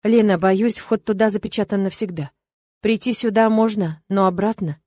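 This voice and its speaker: A self-assured young emperor teases his bride in a lively, wry voice, as a woman reads him. His lines sit at an ordinary pitch for the reader. The recording is dry and close. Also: normal speed, no echo, lightly acted. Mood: assured, teasing. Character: confident teasing male emperor, young adult.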